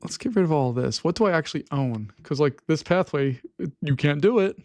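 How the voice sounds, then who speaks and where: A man's voice: a little high, animated, fairly quick, darkish tone, dry recording, studio quality. Wry, exasperated man narrating his gameplay. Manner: exasperated, wry, thinking aloud. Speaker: gaming host. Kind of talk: casual gameplay commentary.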